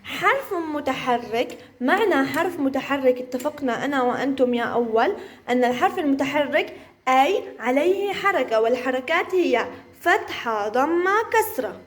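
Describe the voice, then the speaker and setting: High-pitched woman w/ teaching little kids to read, stretches out syllables, encouraging. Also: animated. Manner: slow, drawn-out sounding of syllables, playful and encouraging. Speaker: first-grade teacher. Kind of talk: early-reading phonics lesson.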